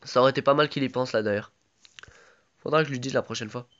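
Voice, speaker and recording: A man's voice: mid-range voice, quick pace, a bit bright, muffled recording. Chatty gamer man with a sore throat. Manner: chatty, peppered with "tac" and gamer slang. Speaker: gamer commentating his own match. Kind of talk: casual live gameplay commentary.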